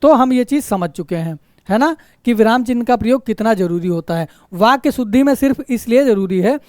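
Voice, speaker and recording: A man's voice: very high voice, lively intonation, fairly quick, a little mellow, dry recording, studio quality. A man teaching Hindi grammar in an online exam-prep lecture. He asks rhetorical questions, answers them himself, repeats key points and keeps checking in with his students. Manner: repeats key phrases for emphasis.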